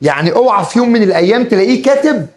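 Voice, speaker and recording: A man's voice: sits high, animated, very fast, darkish tone. A man with an Egyptian accent teaching Arabic grammar, drilling rules over and over and acting out his students' questions. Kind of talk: classroom grammar lesson.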